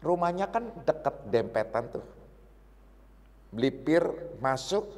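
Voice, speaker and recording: Guy preaching casual, slangy and teasing, kinda high voice, big echoey hall. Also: very animated, slow pace. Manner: chatty, teasing, slangy, switches between loud and quiet. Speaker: Sufi teacher. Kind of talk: casual sermon.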